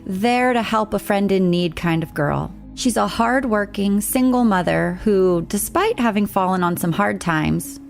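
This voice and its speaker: A woman host giving scripted true-crime podcast narration in a measured, storytelling way. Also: mid-range voice, gravelly.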